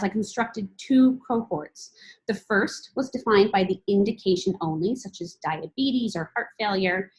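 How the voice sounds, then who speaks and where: A woman's voice: medium pitch, low-quality recording. Woman giving a methodical academic research presentation. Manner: measured, formal, methodical explaining. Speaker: PhD candidate presenting thesis defense.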